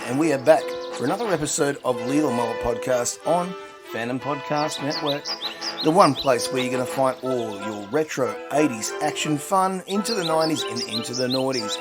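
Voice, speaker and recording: An Australian man hosting a podcast, talking in a playful, easygoing way. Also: medium pitch. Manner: broad, playful, hams up his accent. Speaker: podcast host. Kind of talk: casual podcast chat.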